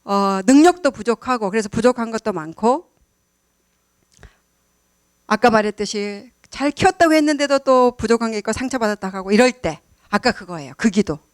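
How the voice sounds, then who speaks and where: A woman's voice: a little high, expressive, normal speed, dry recording. Korean woman preacher, dry close sound. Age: middle-aged. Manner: warm storytelling with frequent laughs and questions to the audience. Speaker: church speaker. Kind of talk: special sermon to a congregation.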